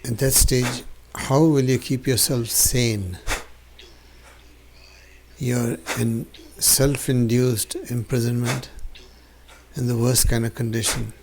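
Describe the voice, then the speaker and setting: Slow, gravelly male yoga teacher. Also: mid-range voice, steady tone. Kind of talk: spiritual instruction with personal anecdote. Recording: clearly noisy recording with clicks.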